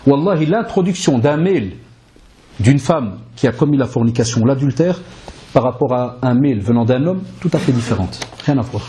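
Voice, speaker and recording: Brief: man, sermon preacher, conversational, rhetorical questions, warm mellow tone. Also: medium pitch, moderate pace, a little hiss or hum. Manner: lively and conversational, with rhetorical questions and Arabic religious phrases. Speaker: preacher and lecturer.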